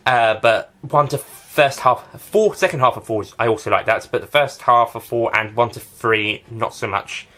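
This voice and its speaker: A man's voice: mid-range voice, sharp tone. A man giving a casual spoken review of a TV series, rambling and often restarting and correcting himself.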